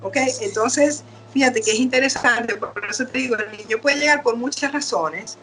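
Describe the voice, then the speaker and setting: A middle-aged woman doctor, a guest expert, explains things patiently in a casual interview, acting out the words of parents and children she quotes. Her voice sits on the high side with a fairly bright tone, her pace is moderate, and soft music plays in the background.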